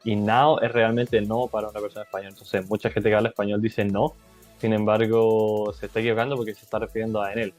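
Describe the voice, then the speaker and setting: A young man from Chile giving a casual tutorial as a language tutor, halting with many fillers and restarts. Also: fairly low pitch, little pitch movement, darkish tone, soft background music.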